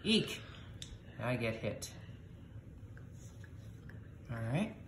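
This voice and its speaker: A low-pitched woman, middle-aged, chatting casually to viewers as she plays a board game at home and talks through each rule. Her voice sits in a roomy space with a faint hiss behind it. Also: very animated, drawn-out words. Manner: explains rules aloud, chatty, reacts with little exclamations. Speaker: host playing a board game with her daughter.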